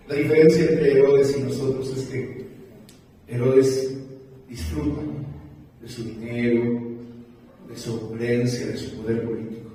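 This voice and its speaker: A man's voice: medium pitch, warm tone, a little hiss or hum. A man preaching a sermon, telling stories and calling his listeners brothers. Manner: storytelling, addresses listeners as brothers. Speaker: pastor. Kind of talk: sermon with anecdotes. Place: church hall. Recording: echoey hall, mic far off.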